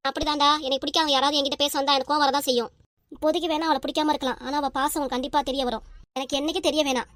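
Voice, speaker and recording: A woman's voice: high-pitched, steady tone, no echo, studio quality. A woman voicing a stubborn, quarrelsome grandmother. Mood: scornful. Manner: sharp, scolding, rapid-fire. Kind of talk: cartoon family comedy voice acting.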